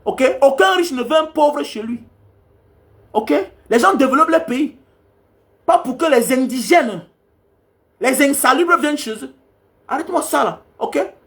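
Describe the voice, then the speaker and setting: A young man from Cameroon talks straight to his viewers. His voice sits unusually high for a man. He scolds them in a heated, repetitive rant, hammering the same point again and again. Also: lively intonation, a little slow, pauses often, fairly bright tone. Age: young adult. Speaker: travel advisor vlogger.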